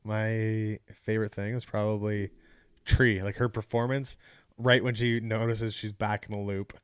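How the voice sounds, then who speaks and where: An enthusiastic man co-hosts a laid-back movie review chat, swearing casually and repeating his phrases. His voice is low and smooth, and it sounds close and dry. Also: level tone, unhurried, dry recording. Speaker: podcast co-host.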